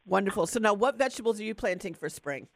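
A woman hosts a garden radio show, asking questions in a friendly, conversational way. Her voice sits at a middle pitch. The studio sound is dry and close. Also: lively intonation, fast talker, no echo. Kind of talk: radio call-in interview.

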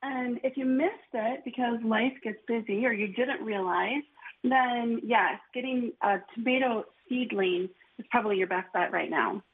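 A woman's voice: on the high side, measured pace, a little hiss or hum. A woman, a gardening guest talking casually and enthusiastically, lots of "like" in her speech. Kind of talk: casual radio call-in chat. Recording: tinny phone line.

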